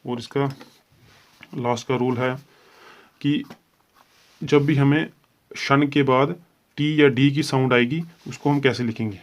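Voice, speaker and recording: A man's voice: medium pitch, fairly even intonation. A man teaching a shorthand lesson, patiently walking through each sound and repeating his steps. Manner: patient, repetitive, spells out sounds slowly. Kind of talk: classroom-style lesson explaining at a board.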